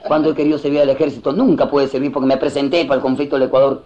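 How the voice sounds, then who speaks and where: A man's voice: mid-range voice, little pitch movement, racing. A man with a Peruvian Spanish accent doing a slangy stand-up routine, slipping into mocking voices. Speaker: stand-up comedian. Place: live show with laughing audience and band. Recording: dull lo-fi live recording with loud crowd.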